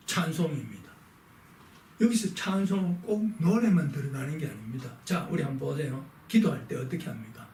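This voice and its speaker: A man giving a lesson, reading passages aloud and then unpacking them with rhetorical questions. His voice sits a little high but sounds dark and mellow. He is recorded from some distance in a roomy, echoing space with a faint hum behind him. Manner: rhetorical questions, frequent "자" to move on. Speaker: lecturer on philosophy. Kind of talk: reading aloud and explaining a text. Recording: echoey room, mic at a distance.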